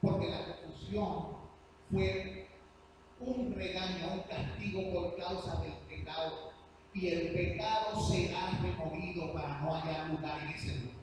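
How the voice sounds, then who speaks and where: A man preaching a sermon in church, earnest and emphatic, moving between soft passages and loud ones. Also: a little high, steady tone, unhurried. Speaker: pastor. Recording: echoey church hall, distant mic, hum.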